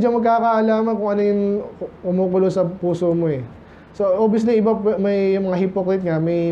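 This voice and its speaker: A Filipino man preaching in a church in a high but mellow voice. He talks with the congregation and keeps putting questions to them. The recording is dull and lo-fi, with faint hiss underneath. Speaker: pastor. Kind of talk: sermon.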